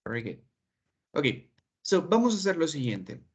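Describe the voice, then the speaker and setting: A man's voice: a little high, big pitch swings, moderate pace, slightly rough. A man teaching an online English class, patiently explaining and checking that his students follow. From Mexico. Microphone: video call.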